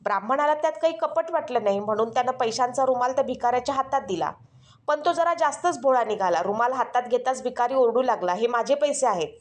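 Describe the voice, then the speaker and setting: Woman, storyteller, moral story narration, steady, slightly high. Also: quick pace.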